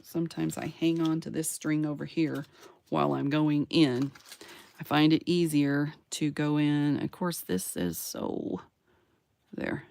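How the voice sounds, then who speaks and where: A woman's voice: low voice, measured pace, creaky, darkish tone, no echo. A woman hosting a casual crafting tutorial, chatting to herself and her viewers as she works, with playful sound words and little self-cheers. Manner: chatty, talks to herself while working. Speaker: craft channel host.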